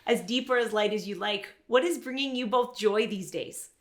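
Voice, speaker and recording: A woman's voice: a little high, normal speed. A woman co-hosting a podcast, thanking guests and asking questions in an appreciative way. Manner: warm, appreciative. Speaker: podcast co-host. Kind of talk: casual interview chat.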